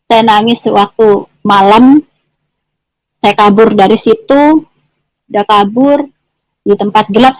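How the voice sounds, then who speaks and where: A woman's voice: a little high, dry recording, rough recording. A middle-aged woman tells her testimony in a casual, repetitive way, restating each phrase before moving on. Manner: repetitive, restates phrases, ends clauses with "gitu". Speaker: guest giving a testimony. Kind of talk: conversational testimony storytelling.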